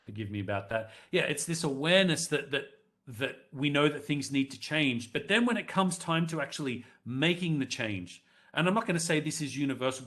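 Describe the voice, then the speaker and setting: A man's voice: on the high side, fairly bright tone. Man presenting a live webinar on headset. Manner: conversational, addresses the audience directly and runs live polls.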